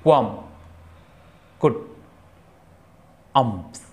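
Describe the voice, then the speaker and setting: A man teaching English pronunciation, reading word lists slowly and repeating each word, often checking in with the listener. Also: mid-range voice, expressive, warm tone. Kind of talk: slow word-list pronunciation lesson.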